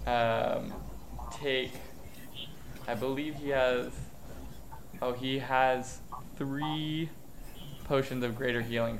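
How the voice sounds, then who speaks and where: A man running a tabletop game as game master, explaining rules with frequent pauses and fillers. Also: medium pitch, gravelly. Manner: slow, hesitant, many fillers.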